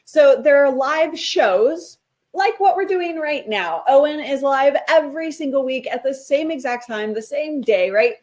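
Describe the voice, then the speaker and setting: A woman's voice: sits high, darkish tone. Upbeat woman explaining business strategy. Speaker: guest, live video strategist. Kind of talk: interview answers.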